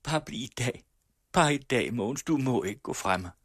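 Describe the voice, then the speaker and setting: A man's voice: expressive, creaky, no room sound, clean studio sound. A man voicing a tearful young working-class woman who pleads with her lover. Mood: pleading. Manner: high imploring voice.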